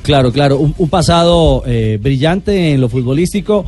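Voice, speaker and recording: A man's voice: fairly high pitch, lively intonation, normal speed, a little mellow, soft background music. A man co-hosting a sports radio show with conversational commentary.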